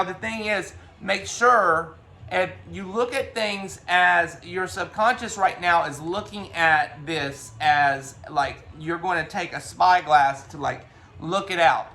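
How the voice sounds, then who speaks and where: A man talks casually about spirituality as a reader, in a high voice. His tone is bright and sharp. He rambles and restarts often, dropping in the odd swear word. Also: unhurried, creaky.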